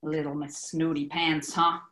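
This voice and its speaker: In an echoey room, an actress with a deep, slightly bright voice plays a brash, sardonic old New York landlady from a 1940s-style radio comedy. She haggles over rundown rooms with a flat, unhurried delivery.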